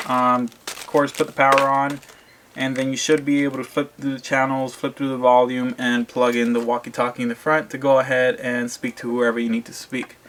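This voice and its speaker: A vlogger unboxing an item talks plainly and informally to his viewers in a fairly bright, medium-pitched voice. Crinkling packaging and background noise sit under a clear recording.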